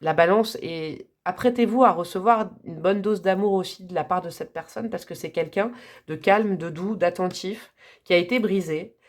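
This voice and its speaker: A woman giving a live tarot reading to her viewers, chatty and gentle, with frequent asides and little laughs. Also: on the low side, moderate pace. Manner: softly calm, gentle delivery. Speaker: tarot reader.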